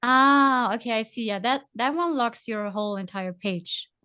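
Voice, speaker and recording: A woman's voice: fairly high pitch, moderate pace, pushed and bright, clear, resonant tone, dry recording. A woman guest presenting a casual screen-share tutorial, hesitant, full of fillers as she walks through the steps.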